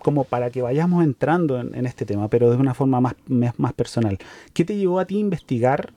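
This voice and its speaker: A man's voice: mid-range voice, expressive, a little fast, warm tone, no echo. A man hosting a conversational interview, asking friendly questions.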